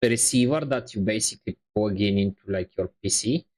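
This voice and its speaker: A man's voice: fairly low pitch, a little fast, darkish tone, poor audio. A man streaming while he paints, chatting casually and rambling in a self-deprecating way on a wireless lapel mic. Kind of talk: casual chat on a live stream. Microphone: wireless lapel microphone.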